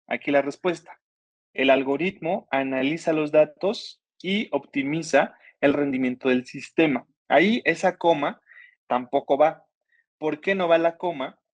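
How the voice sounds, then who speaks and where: A man's voice: on the high side, unhurried, dry recording. A man teaching an online writing workshop, patiently explaining grammar step by step and asking his students questions. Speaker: workshop instructor.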